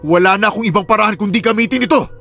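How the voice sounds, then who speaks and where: A man voicing a brave village healer who shouts commands to protect others in an animated storybook. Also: sits high, rapid-fire, vocal fry, music in the background, pitched above the performer's own voice. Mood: commanding.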